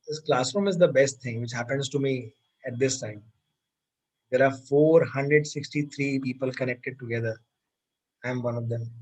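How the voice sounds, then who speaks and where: Indian-accented male teacher, high-pitched, unhurried delivery, repeats and spells out words. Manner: mixes Hindi and English, spells and repeats words. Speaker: vocabulary teacher. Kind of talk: online class lecture.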